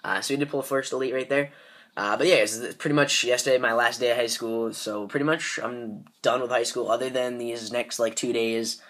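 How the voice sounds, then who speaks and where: Stuffed up and sore-throated, a teenage gaming host gives casual commentary while opening card packs, packed with fillers and rambling. His medium-pitched voice is fairly even and a bit bright, moving fairly quickly.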